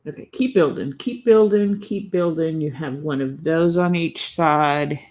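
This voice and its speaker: A woman vlogger chats casually on a live stream while building a toy, rambling and laughing often. Her voice is low, unhurried and darkish in tone, and she sounds slightly congested.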